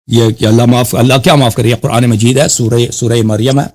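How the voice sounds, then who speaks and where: A man's voice: mid-range voice, fairly even intonation, a little mellow. Combative man hosting a heated debate. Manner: combative, keeps cutting the caller off; recites Quranic Arabic verses slowly. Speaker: host. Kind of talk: heated live call-in debate.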